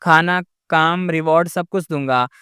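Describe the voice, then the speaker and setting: Male narrator reading a calm, measured dealmaker, smooth dry voice. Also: a little high, no room sound. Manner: calm, even tone. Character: calm, composed man offering terms.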